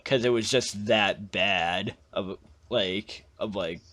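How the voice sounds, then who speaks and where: A man's voice: fairly low pitch, slow, crowd noise. A young man co-hosting a gaming podcast in laid-back casual chat, often trailing off and saying "like". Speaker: podcast co-host.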